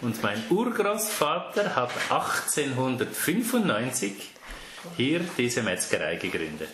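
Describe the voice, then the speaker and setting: A man's voice: medium pitch, very animated, a little slow. A man with a Swiss German accent, a butcher who owns his shop, chatting easily in an interview and laughing often. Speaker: butcher, fourth-generation shop owner. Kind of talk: casual interview answers. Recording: echoey room with faint noise.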